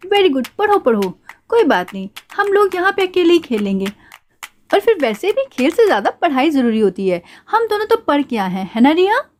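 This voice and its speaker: Woman playing a girl doll, chirpy, bossy, very high voice. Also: big pitch swings, moderate pace. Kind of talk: doll play story.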